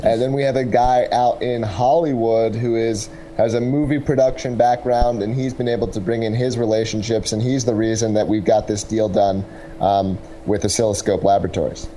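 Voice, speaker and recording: A man giving casual, explanatory interview answers as a tech startup representative, pausing to pick his words. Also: lowish voice, steady tone, dark tone, slight background noise, poor audio.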